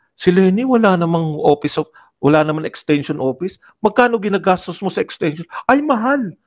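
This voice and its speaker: A man from the Philippines giving sarcastic political commentary for a vlog, firing rhetorical questions and mocking his opponents with polite markers. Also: fairly high pitch.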